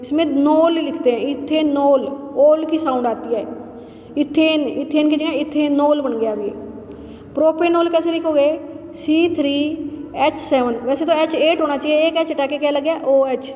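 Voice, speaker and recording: A woman teacher giving a chemistry lesson, asking questions and answering them herself, repeating key terms slowly. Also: sits high, dark tone. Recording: roomy echo with long reverb.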